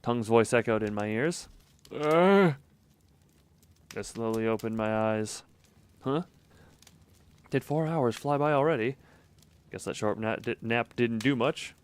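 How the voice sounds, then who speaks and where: Medium-pitched and clean in tone, a male streamer reads visual novel narration evenly. He interrupts himself with casual asides and little chuckles.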